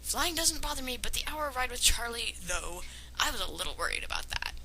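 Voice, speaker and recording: Reading fan fiction dramatically, this woman speaks a little fast in a very animated, sharp, higher-pitched voice. Her casual asides are sarcastic and nitpicky, with some hesitation as she mocks the story. It's an amateur home recording with obvious noise.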